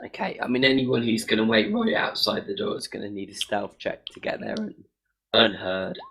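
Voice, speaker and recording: Guy game mastering a tabletop rpg, kinda halting and chatty, lots of vocal fry. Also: fairly low pitch, big pitch swings, a bit bright. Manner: halting, conversational. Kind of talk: improvised tabletop game narration.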